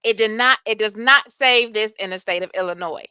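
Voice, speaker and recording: A soft-voiced woman hosts a livestream chat, sounding bright and forceful at a medium pitch and a brisk pace. Close to a dry microphone with a clean tone, she answers viewers animatedly, talks back to the chat, and curses freely.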